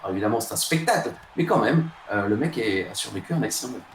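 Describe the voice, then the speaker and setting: A man's voice: fairly low pitch, animated, very fast. Wry teasing man, echoey room. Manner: teasing and wry, bursts into loud announcer calls. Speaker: guest co-commentator. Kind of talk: playful live-stream fight commentary. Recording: echoey room with faint noise.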